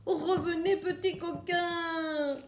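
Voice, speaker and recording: A woman voicing a fretful mother hen who calls after her runaway eggs in high, shrill scolding cries. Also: steady tone, takes it slowly. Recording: roomy echo.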